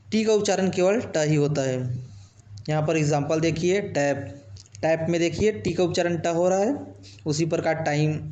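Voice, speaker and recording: A male English teacher, patiently explaining letter sounds and repeating example words slowly. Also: a little high, a little mellow, reverberant. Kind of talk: alphabet pronunciation lesson.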